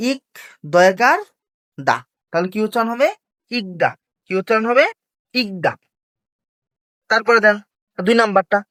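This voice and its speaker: A patient teacher walks through a video lesson. They ask quick questions of the audience, answer them, and repeat each point carefully. The pitch sits in a middle range. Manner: slow, careful drilling of pronunciation rules. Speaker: language teacher. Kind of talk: classroom-style video lesson.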